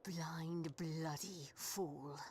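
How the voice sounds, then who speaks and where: A woman's voice: low voice, steady tone, very slow, a little mellow, slight background noise. A woman voicing a grave female war leader in a game cutscene, solemn and scornful, dropping into whispers at times.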